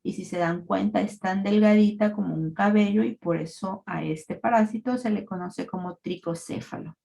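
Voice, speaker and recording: A woman giving a recorded parasitology lecture, explaining terms in a measured way with frequent fillers. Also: mid-range voice, creaky, dark tone.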